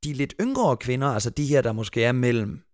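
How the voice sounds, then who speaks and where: A man's voice: medium pitch, very animated, no echo, studio quality. A Danish man chatting casually as a podcast co-host, blunt and mildly sweary, often repeating words as he rambles toward a point. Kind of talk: casual chat.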